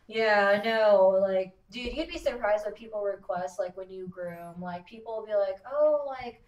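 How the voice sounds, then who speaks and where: A woman who works as a dog groomer, telling stories in casual podcast chat, animated and profane, saying "like" constantly. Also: medium pitch, moderate pace, recorded from a distance, muffled recording. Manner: animated, profane, heavy use of "like". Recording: roomy sound, voice off-mic.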